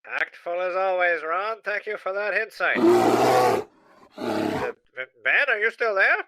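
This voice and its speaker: A man's voice: sits high, sing-song, slow, vocal fry, heavy background noise, heavily acted. A man playing a folksy 1920s radio host on a comedic parody, with a hokey announcer cadence. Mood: jovial.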